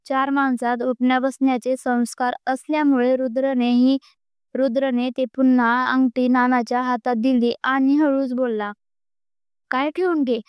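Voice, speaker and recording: A woman reads a romance story aloud in a steady narrating voice. Her pitch sits high and barely moves, and the sound is crisp and dry, close to the mic. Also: moderate pace, no echo. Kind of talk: scripted narration.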